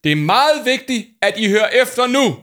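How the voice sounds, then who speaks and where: A man's voice: expressive, a bit bright. A man voicing a big, always-hungry grown man who bellows with dramatic seriousness in a storybook reading. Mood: shouting. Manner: booming, dramatic, overly serious. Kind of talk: storybook character voice.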